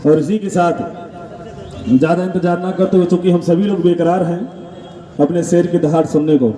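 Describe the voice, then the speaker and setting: A man's voice: high-pitched, steady tone, moderate pace, mellow. A man hyping a crowd as rally master of ceremonies, with rousing introductions and chants. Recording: muffled echoey PA, crowd noise, distant.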